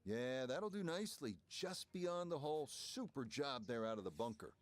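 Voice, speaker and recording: A man giving measured play-by-play as a golf commentator in a video game broadcast style. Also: mid-range voice, animated, natural voice. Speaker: golf commentator, lead announcer.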